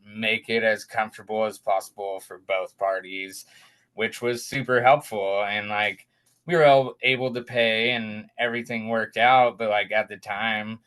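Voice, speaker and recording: A young man, a guest father, telling his story in a casual, animated way and acting out the quotes. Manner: animated, acts out quotes with raised pitch.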